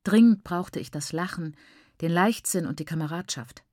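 Brief: woman narrator, lowish voice, expressive audiobook reading, dry studio. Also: normal speed, dry recording. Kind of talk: scripted first-person narration.

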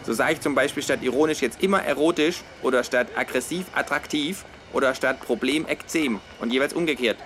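A man voicing a cheeky, freeloading male kangaroo with dry, deadpan wisecracks in a comic audiobook reading. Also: mid-range voice, brisk, slight background noise, pitched above the performer's own voice, close to an everyday voice. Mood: deadpan smug.

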